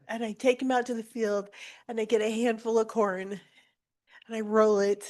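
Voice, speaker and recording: A woman's voice: a little high, level tone, unhurried. A tearful woman giving a memorial speech, telling a funny family story with acted-out quotes. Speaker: eulogy speaker, daughter of the deceased.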